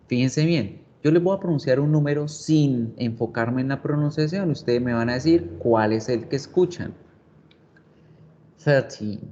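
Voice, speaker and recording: A man's voice: medium pitch, normal speed, few pauses, dark tone. A male English teacher giving an online class, explaining patiently and step by step. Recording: dull lo-fi sound, faint background noise.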